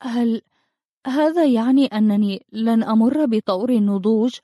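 A woman's voice: on the high side, moderate pace, mellow, dry recording, clean studio sound, natural voice. A woman voicing an insecure young fairy girl who thinks she is ugly, speaking in anxious, wistful questions.

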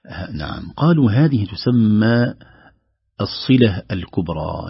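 A middle-aged man teaching the rules of Quran recitation, patiently explaining and demonstrating words slowly and more loudly. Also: fairly low pitch, breathy edge, no echo, lo-fi sound.

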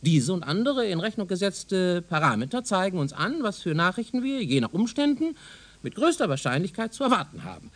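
A man with a high, sing-song voice talks a little fast, playing a zealous, self-assured professor of speculative science in a German radio drama. He lectures pedantically and insistently, his mood earnest.

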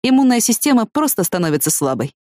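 A woman reading the lines of a blunt, bitter young man of twenty in an audiobook, in a flat, matter-of-fact way. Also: fairly high pitch, fast, dry recording, clean studio sound, pitched above the performer's own voice.

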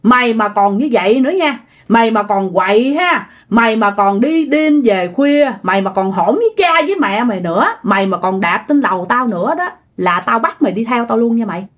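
A woman's voice: a little high, lively intonation, brisk, hardly any pauses. A woman voicing the angry ghost of an old woman who scolds and threatens harshly, in a Southern Vietnamese accent. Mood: furious scolding.

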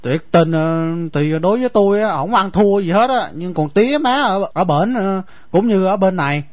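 A man voicing a stubborn young village husband with a Southern Vietnamese accent, stammering and halting as he pleads. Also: sits high, expressive, dry recording. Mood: pleading. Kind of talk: radio drama acting. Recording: dull dry lo-fi recording, faint music.

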